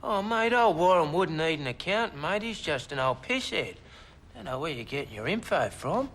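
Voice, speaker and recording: A man's voice: a little high, big pitch swings, moderate pace, fairly bright tone, slight background noise. An actor playing an agitated male Australian pensioner on methadone, a witness in court who rambles indignantly and keeps saying "mate". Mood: rambling. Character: agitated scruffy male pensioner addict witness, cocky and evasive. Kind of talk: film drama acting.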